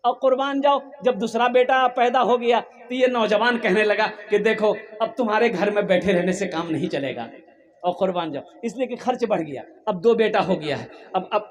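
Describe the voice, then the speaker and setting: A man preaching a sermon in an animated storytelling style, acting out the characters' voices. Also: high voice, normal speed.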